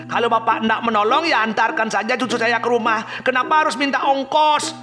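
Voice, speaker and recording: Man voicing a high-pitched old grandpa. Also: fairly even intonation, brisk, pushed and bright. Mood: defiant. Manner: pleading then defiant, lecturing. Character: stubborn old village grandfather. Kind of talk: shadow puppet theater.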